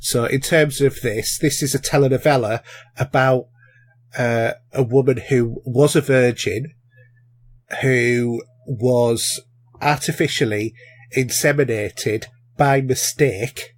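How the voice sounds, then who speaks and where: A man's voice: mid-range voice, steady tone, takes it slowly. A man, co-hosting a podcast and chatting casually about films and shows, with lots of fillers and restarts. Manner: rambling, many fillers and restarts. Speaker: podcast co-host.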